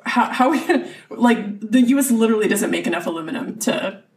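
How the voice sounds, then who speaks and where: A woman co-hosting a podcast, chatting casually over drinks with quick, sarcastic asides. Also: on the high side, animated, recorded from a distance. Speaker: podcast co-host. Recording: echoey room, voice off-mic with faint noise.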